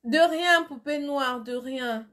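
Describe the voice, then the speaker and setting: Taking it slowly in a high, fairly bright voice, this beauty seller with a cold and flu runs a casual live stream from her phone. She responds to viewers' comments, turning blunt when she insists on a point.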